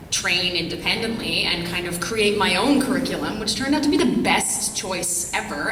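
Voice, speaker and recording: A woman's voice: medium pitch, sharp tone. Casting: rambling woman, panel guest, echoey room, background noise. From Canada. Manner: chatty, rambling. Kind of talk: panel answer. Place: large convention hall. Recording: echoey hall, distant mic, noisy.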